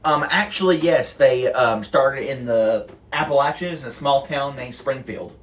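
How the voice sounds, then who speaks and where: A young man hosting a casual podcast, cracking deadpan dark jokes. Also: medium pitch, a little slow, slight background noise. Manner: joking, deadpan dark humor. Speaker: podcast host. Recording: echoey room, distant from mic.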